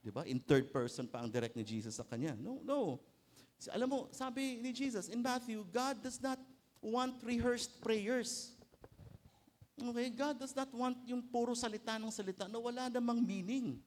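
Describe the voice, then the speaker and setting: A middle-aged man with a Filipino accent preaching a sermon in a lively, joking way, often tagging lines with quick questions to the congregation. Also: very high voice. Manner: lively, joking, mixes in English with rhetorical tags. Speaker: pastor.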